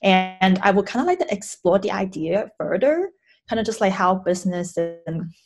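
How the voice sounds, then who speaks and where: A young woman from China, a guest in an interview, talking earnestly and a little hesitantly, with many pauses and restarts. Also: mid-range voice, very animated. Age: young adult. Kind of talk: casual interview.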